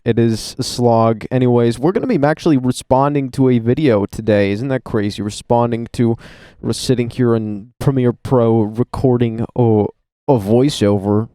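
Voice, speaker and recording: A man's voice: medium pitch, mellow, no echo, clean studio sound. A man giving a rambling, profane, sarcastic voice-over commentary for his own video. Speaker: commentary YouTuber. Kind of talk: casual reaction voice-over. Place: voice-over recorded at a computer.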